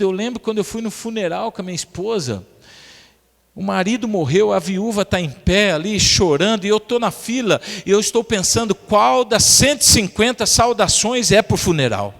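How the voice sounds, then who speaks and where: A pastor with a high voice and some vocal fry preaches at a normal speed, and a long reverb tail rings through the sanctuary. He livens up his sermon with humorous personal anecdotes and addresses the congregation as "brothers."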